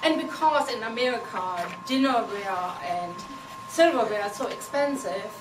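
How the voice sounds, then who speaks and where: A woman from Germany with a German accent gives a humorous contest speech in a meeting hall before an audience. Her medium-pitched voice is animated and playful at a moderate pace, teasing, with non-native phrasing. The recording is noisy and echoey, picked up from far off.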